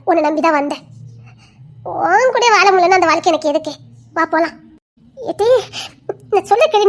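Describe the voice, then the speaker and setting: A woman with a very high voice performs a whole family drama alone. She shifts between frightened, pleading and stern characters, and her lines break into laughter and tears. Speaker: storyteller voicing every character. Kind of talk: scripted Tamil family audio drama.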